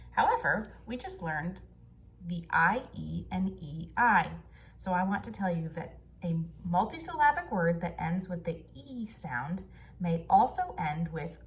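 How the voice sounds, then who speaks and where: A woman teaching a phonics lesson to children, sounding out letters and words in slow, drawn-out drills. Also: lowish voice.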